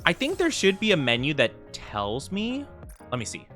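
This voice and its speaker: Man, cute anime streamer, very bright voice, chatty, repeats phrases, music behind. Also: fairly high pitch, wildly swooping pitch, moderate pace. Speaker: VTuber game streamer. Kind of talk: casual live stream chat. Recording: music under the voice.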